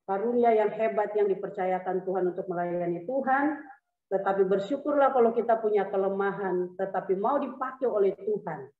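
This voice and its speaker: A woman pastor preaching a sermon with humor, acting out little scenes as she goes. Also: medium pitch. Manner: lively preaching with humor and acted asides. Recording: echoey hall, phone-like sound.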